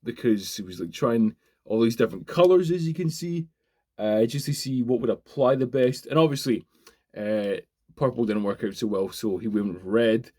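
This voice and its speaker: A man, chatting casually and excitedly while unboxing and reviewing a toy, swearing freely as he rambles. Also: medium pitch, normal speed. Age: 20s. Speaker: toy reviewer, channel host.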